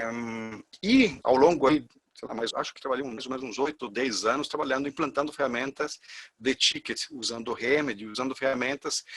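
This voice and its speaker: Speaking Portuguese with a Chilean Spanish accent, a middle-aged course instructor from Chile, native in Spanish, lectures his class full of fillers and restarts. His voice is medium in pitch and fairly bright.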